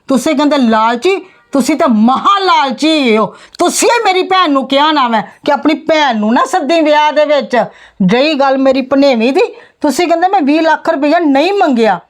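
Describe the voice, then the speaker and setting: A woman with a Punjabi accent playing a stern middle-aged aunt who scolds and threatens her niece's in-laws in a family drama. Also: high voice. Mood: scolding. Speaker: bride's maternal aunt confronting in-laws. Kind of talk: amateur family drama acting.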